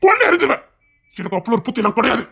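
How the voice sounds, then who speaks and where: A woman's voice: mid-range voice, animated, quick pace, fairly bright tone, husky. A woman voicing an angry, dismissive husband in a Tamil audio drama, curt and threatening.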